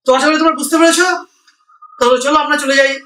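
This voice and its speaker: A man's voice: extremely high pitch, steady tone, racing, sharp tone. A man from India teaching English vocabulary, spelling each word out letter by letter and explaining it patiently. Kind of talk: vocabulary lesson for learners. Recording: echoey room, voice from a distance.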